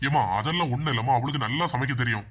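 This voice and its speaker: A man's voice: medium pitch, racing, a bit bright, a little hiss or hum, close to an everyday voice. A man voicing an anxious young husband in a cartoon, pleading and placating. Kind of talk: cartoon voice acting.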